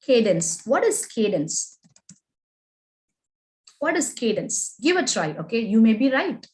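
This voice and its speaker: Speaking with an Indian English accent, a woman runs a live online agile training class, her voice slightly high, sing-song, unhurried and a little mellow, though the audio is poor. She quizzes the class, reads their chat replies out loud and keeps tacking on "right?" and "okay?".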